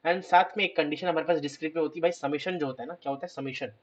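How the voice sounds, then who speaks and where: A hoarse man teaching a math lecture, asking questions and answering them himself. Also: on the high side, steady tone, racing, lo-fi sound. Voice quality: clears his throat. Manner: explains step by step, asks and answers his own questions. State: hoarse, scratchy throat.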